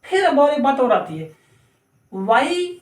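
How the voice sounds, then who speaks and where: A man teaching English pronunciation, slowly spelling words out letter by letter and repeating each point. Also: very high-pitched, big pitch swings. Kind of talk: explanatory lesson. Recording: echoey room, mic at a distance.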